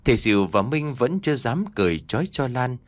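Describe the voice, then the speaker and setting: A man narrating a horror audio story in an expressive, storytelling manner. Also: mid-range voice, fairly quick, dry recording, faint music behind.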